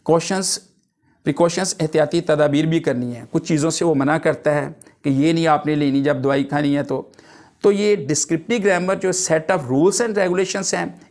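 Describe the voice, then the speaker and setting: A man teaching English grammar, explaining each term with several synonyms. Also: fairly high pitch.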